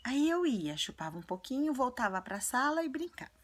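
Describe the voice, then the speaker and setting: A woman voicing an earnest, chatty little girl who tells childlike stories and gives advice in a breathy, often half-whispered voice. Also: sits high, big pitch swings, fairly quick, a little hiss or hum. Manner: childlike storytelling, repetitive. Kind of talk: video monologue in character.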